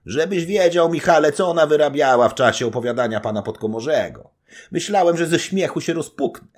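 A jovial, boastful old nobleman who blusters and teases, as a man narrating an audiobook puts him on. His voice is pushed high and loud, with lots of bluster behind it. He mocks and brags freely. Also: animated, brisk. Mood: teasing.

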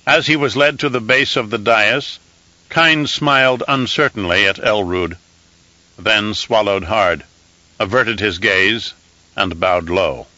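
A man narrating an audiobook in a steady, measured storytelling manner. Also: lowish voice, dry recording, highs cut off. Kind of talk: scripted narration.

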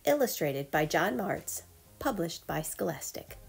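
Here a woman with a fairly low voice reads a children's picture book a little slowly, her pitch swinging widely. Like a teacher at story time, she delivers it clearly, leaning hard on the questions and answers.

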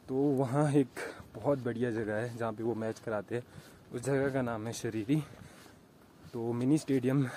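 A man's voice: medium pitch, darkish tone, slight background noise. Young man vlogging on a mountain hike. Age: young adult. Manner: chatty, showing viewers around on foot. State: tired and winded from climbing. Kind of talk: casual travel vlog. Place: outdoors on a forested mountain trail. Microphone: handheld camera at arm's length.

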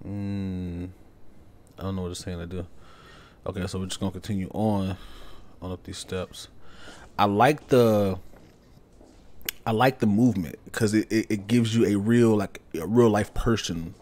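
A male gaming streamer commentating on a horror game. His voice sits fairly low and he talks very slowly, in a hushed, halting way, as if to himself. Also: fairly even intonation.

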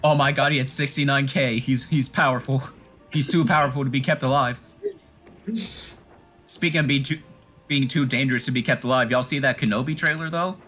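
A young man commentating a game stream in a casual, excitable way, swearing and slipping into rapid auctioneer-style patter. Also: medium pitch.

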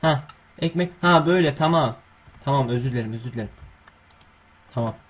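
A man hosting his gaming channel, giving chatty, excitable gameplay commentary full of coaxing calls and slangy asides. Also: mid-range voice, fairly quick, slightly rough.

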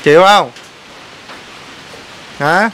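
A man's voice: fairly high pitch, very slow, a bit bright. Teasing man host, noisy hiss. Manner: prodding, repeats questions. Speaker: vlog host. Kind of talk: teasing casual chat on camera.

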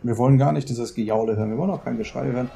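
A man's voice: medium pitch, rapid-fire, creaky, mellow, faint music behind. A man narrating a horror game as let's play host, chatty and dropping English exclamations into his German.

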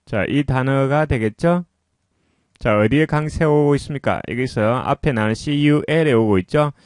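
A man's voice: mid-range voice, no room sound. Guy teaching english pronunciation, patient and explaining, dry close sound. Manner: patient and explanatory, often pausing with "자".

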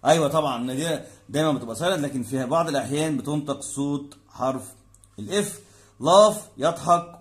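A man with an Egyptian Arabic accent, an English teacher explaining a textbook lesson. He reads English example sentences slowly and asks questions that he answers himself. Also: medium pitch.

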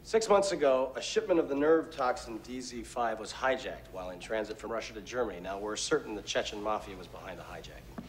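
An actor playing a middle-aged American intelligence analyst, briefing superiors gravely, deliberately and with firm deference. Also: male voice, on the low side, a little hiss or hum, close to an everyday voice. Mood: grave, explanatory. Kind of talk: film drama acting. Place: conference room.

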